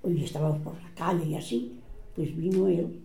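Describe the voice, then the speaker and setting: An older woman with a Catalan accent recounts old family quarrels in a lively storytelling manner. She slips into the voices of the people she quotes. Her voice is very dark and mellow, and it rings in an echoey room. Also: low voice, moderate pace, gravelly. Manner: animated, acts out quoted voices. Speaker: relative recounting family history.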